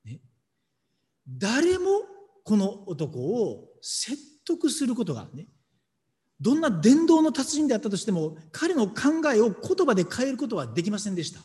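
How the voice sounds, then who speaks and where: A male pastor reading scripture and preaching, emphatic and animated, with dramatic pauses. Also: sits high, in a large hall.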